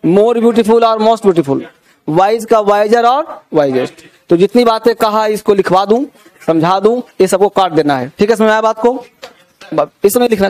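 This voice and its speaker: Teacher, male, high-pitched, Indian accent, coaxing classroom delivery that keeps checking for understanding. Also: darkish tone. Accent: Indian English words in Hindi. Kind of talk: classroom grammar lesson.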